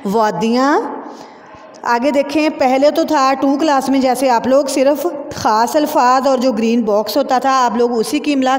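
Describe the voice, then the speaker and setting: A woman's voice: high voice, in a large hall. A woman from Pakistan, teaching young pupils and spelling out words syllable by syllable. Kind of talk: online lesson for young pupils.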